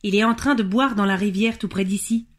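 Une femme qui fait la voix d'une petite amie curieuse et un peu inquiète, sur fond de musique. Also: female voice, medium pitch, brisk, close to an everyday voice. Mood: curious. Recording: music playing behind.

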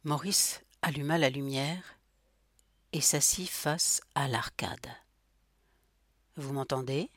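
A woman narrating a story as an audiobook, with steady, measured delivery. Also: sits low, no room sound, clean studio sound.

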